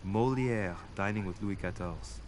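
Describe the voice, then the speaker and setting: A man's voice: on the low side, slow, a little mellow. An actor playing a young nobleman hero in a video game, making dry, wry remarks about what he sees. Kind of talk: game character dialogue.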